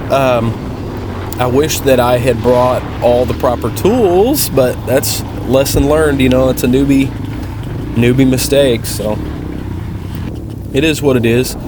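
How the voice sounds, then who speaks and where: Speaking slowly and pausing often, a mid-pitched man who races dirt bikes as an amateur talks through race footage on his motovlog. His manner is casual, plain and rambling, with vehicle noise plainly heard underneath.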